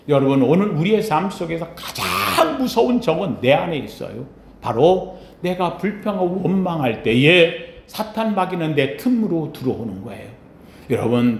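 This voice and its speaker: A male pastor preaching a sermon, swinging between loud exclamations and low murmurs and asking the congregation questions. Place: church sanctuary. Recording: echoey church sanctuary.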